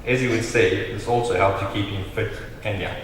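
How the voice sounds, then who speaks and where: A man's voice: on the low side, steady tone. Echoey, solemn South African man giving a eulogy. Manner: solemn, measured farewell. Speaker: family member giving a eulogy. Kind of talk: prepared funeral eulogy read aloud. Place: large reverberant hall. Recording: very echoey hall, distant mic, noisy.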